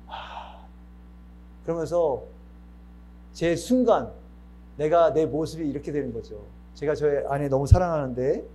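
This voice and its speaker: A man's voice: fairly high pitch, a little hiss or hum. A man preaching a sermon at a church service, telling personal stories and acting out little dialogues. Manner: animated storytelling, acting out dialogue. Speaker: missionary preacher.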